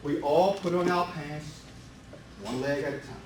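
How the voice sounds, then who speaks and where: Speaking a little slowly in a fairly high pitch, a real estate seminar presenter gives an emphatic motivational presentation, repetitive and full of rhetorical questions. The indoor meetup room recording is distant and echoey, with background noise.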